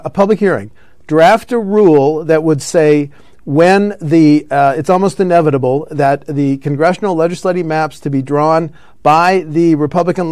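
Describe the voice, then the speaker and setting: A man's voice: a little high, a little mellow, no echo, studio quality. A man hosting a political talk show, running through news items with frequent fillers and self-corrections. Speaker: radio show host.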